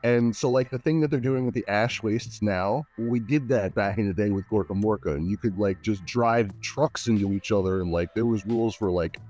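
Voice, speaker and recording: A man's voice: fairly low pitch, moderate pace, hardly any pauses, a little mellow, soft background music. Enthusiastic man rambling as a guest. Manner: enthusiastic, many "like" fillers and restarts. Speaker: podcast guest. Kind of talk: casual chat.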